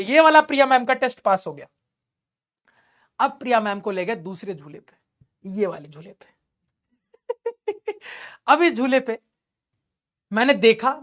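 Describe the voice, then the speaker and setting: A male math teacher telling a story during a lesson, lively and teasing, laughing often. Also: extremely high pitch.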